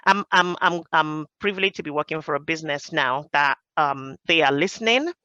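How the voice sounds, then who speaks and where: A middle-aged woman with a Nigerian accent, a major projects professional on a podcast panel, talks in a personal, conversational way. Her low voice has a bright, forceful edge, and her manner is emphatic and reflective. The sound is dry and close with no room sound, if a little dull.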